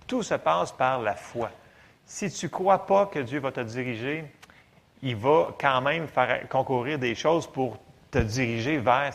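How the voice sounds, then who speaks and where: A man with a Quebec French accent preaching a sermon in a lively, conversational way with jokes. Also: medium pitch.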